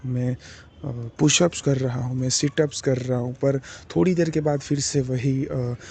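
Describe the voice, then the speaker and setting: A young man talking slowly and deliberately in a personal diary vlog, pausing often with fillers. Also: medium pitch, creaky, dark tone, a little hiss or hum. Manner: slow, deliberate, hesitant with many fillers. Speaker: vlogger.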